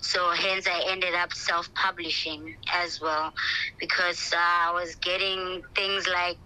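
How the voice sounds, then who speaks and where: Calling in while travelling by road, a woman author takes interview questions over a phone line that breaks up as she drifts from the mic. Her fairly low voice is level and slow, bright, forceful, clear and resonant, and she frequently pauses and repeats words hunting for the right one.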